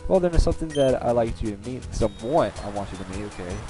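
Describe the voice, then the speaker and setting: A man's voice: mid-range voice, over music, lightly acted, poor audio. A man reading as an earnest young male champion. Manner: steady, slightly halting reading of game text.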